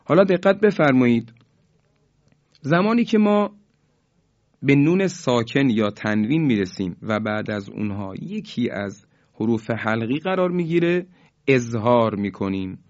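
A man teaching the rules of Quran recitation at a mid-range pitch. He explains at a quick clip, then stretches each example word out slowly and clearly. The recording sounds dull and muffled, like a lo-fi upload. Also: darkish tone. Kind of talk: classroom-style lesson.

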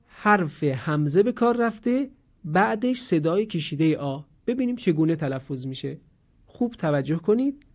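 Male recitation teacher, slightly high voice, deliberate stretched examples, dull lo-fi recording. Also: a little mellow. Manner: slow, deliberate drawn-out model words between explanations. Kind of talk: instructional lesson on Quranic pronunciation. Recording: dull lo-fi audio.

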